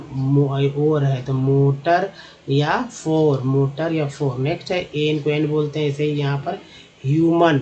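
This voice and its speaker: A man with a Hindi accent teaching English phonics, building words slowly from spelled-out parts and repeating each one. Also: fairly high pitch, a little mellow, lo-fi sound, a little hiss or hum. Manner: slow, repetitive, drawn-out explaining.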